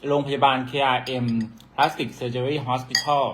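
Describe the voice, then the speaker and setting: A man's voice: medium pitch, level tone, slow, background noise. A man with an Isan Thai accent, a doctor, chatting casually and bickering back with his partner. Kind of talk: casual couple chat.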